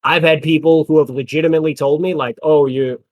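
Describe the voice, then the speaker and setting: A man's voice: a little high, steady tone, quick pace. A young man co-hosting a casual podcast, telling stories with quoted voices and frequent laughs. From American Midwest. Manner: storytelling, acts out quotes, laughs often. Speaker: podcast co-host. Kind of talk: casual chat.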